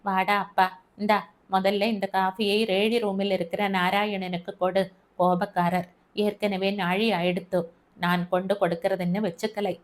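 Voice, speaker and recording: A woman's voice: mid-range voice, level tone, moderate pace, lightly acted. A woman voicing a worried older mother who scolds and grumbles, in a storybook reading. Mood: fretful scolding. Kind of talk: storybook narration.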